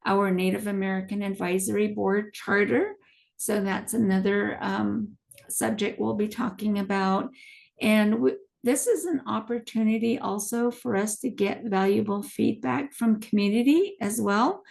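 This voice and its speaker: A woman presenting for a health plan at a community meeting, halting with many ums and restarts, and losing her voice. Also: mid-range voice, vocal fry, a little mellow.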